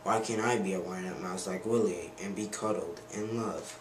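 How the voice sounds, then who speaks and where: Brief: man voicing a wistful little house mouse, storybook; lowish voice, roomy room echo. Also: normal speed, close to an everyday voice. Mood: longing. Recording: roomy, distant camera mic, faint noise.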